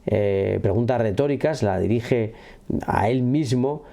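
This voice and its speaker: A middle-aged man teaching a poetry lesson, with a mellow, warm tone and an animated delivery that keeps stopping to check that his listeners follow. He walks through the rhyme scheme patiently, like a teacher at the board. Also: mid-range voice, unhurried, creaky. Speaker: literature teacher. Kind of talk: classroom lesson explaining a poem.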